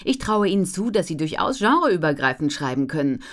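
A cheerful, dynamic editor, voiced by a woman narrator bursts with enthusiasm. Her voice stays low, but she speaks louder and brighter than the narration around it. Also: big pitch swings, fairly quick. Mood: enthusiastic. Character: upbeat female book editor, enthusiastic.

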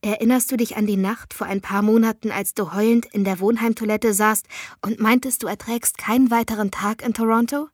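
A blunt young woman who pushes hard and swears freely, but means it kindly, as a reader voices her. The voice sits a little high and dry, close to the mic. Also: fairly even intonation, a little fast, husky, no echo. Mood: urgent. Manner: forceful, swears, pleading. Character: young woman friend, blunt, fierce, caring.

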